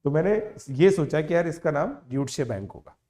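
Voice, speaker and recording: A man in his thirties, an educator, tells a motivational story to online students in a casual, animated way. He mixes English words into his Hindi and checks in with listeners again and again. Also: a little high, normal speed. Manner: chatty, animated, with frequent "theek hai" check-ins.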